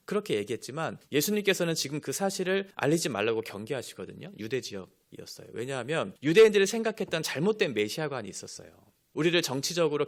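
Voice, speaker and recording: A man preaching a sermon as a pastor, explaining scripture point by point and raising his voice when quoting Jesus' words. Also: medium pitch. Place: church.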